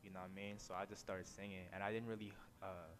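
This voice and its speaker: A man's voice: low-pitched, little pitch movement, fast. A young man in his twenties, from Indonesia, talking loosely and rambling as a musician guest in a casual live interview. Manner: loose, rambling, heavy use of "like" and "bro".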